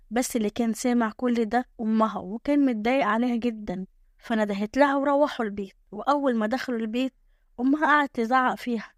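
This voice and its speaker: A woman with an Egyptian accent narrating a folk story in a brisk, lively way. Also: fairly high pitch, no echo, clean studio sound. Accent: Egyptian Arabic.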